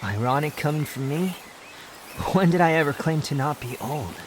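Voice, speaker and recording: A youthful, immortal male wanderer played by a man with a fairly high voice and a haughty, sardonic bite. He scolds and teases theatrically, as in an intimate roleplay audio drama, over steady outdoor nature sounds with insects. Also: normal speed, a little hiss or hum, close to an everyday voice. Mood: indignant, taunting.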